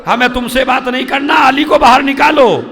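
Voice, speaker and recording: A man's voice: very high-pitched, fairly even intonation, bright, forceful tone, heavily acted. A male preacher voicing a grieving, defiant young holy woman within his sermon, pleading and firm.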